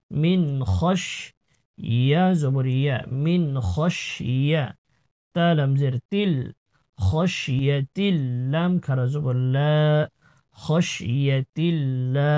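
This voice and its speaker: In a Quran recitation lesson, a man with a fairly high, warm voice spells out each syllable, then chants the whole word in a slow, drawn-out manner.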